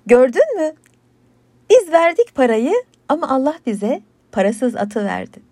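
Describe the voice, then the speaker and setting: A woman's voice: high-pitched, very animated, measured pace, a little mellow, no room sound, voice pushed up, exaggerated voice. A woman voicing a coy, clever village wife, coquettish and curious in a folktale. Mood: wise.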